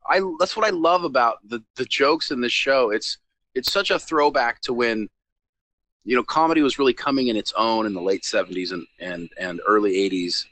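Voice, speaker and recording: A man's voice: mid-range voice, moderate pace, fairly bright tone, dry recording. A man co-hosting a TV recap show, talking in an easygoing way and searching for the right words. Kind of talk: casual review chat.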